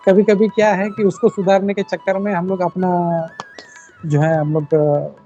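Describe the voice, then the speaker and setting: A man's voice: high voice, flat delivery, moderate pace, mellow, dull audio, soft background music. A man leading a devotional scripture class in Hindi sprinkled with English, explaining earnestly and repeating his key points. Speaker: class leader.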